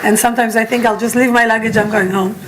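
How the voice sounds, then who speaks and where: A woman from Israel on a conference panel, telling an anecdote in an animated way and acting out the dialogue. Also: fairly high pitch, fast talker, poor audio. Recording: clear background hiss.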